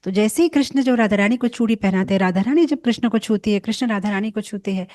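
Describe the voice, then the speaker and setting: A woman telling a devotional story in lively narration, acting out the characters. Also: medium pitch, fast talker, no echo, clean studio sound. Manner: animated, acts out characters. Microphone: video call.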